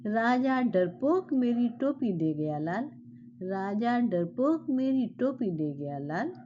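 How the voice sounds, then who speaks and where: A woman voicing a mischievous little female sparrow who chants slow teasing songs. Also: on the high side, sing-song, mellow, highs cut off, a little hiss or hum. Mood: taunting sing-song. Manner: slow sing-song chanting.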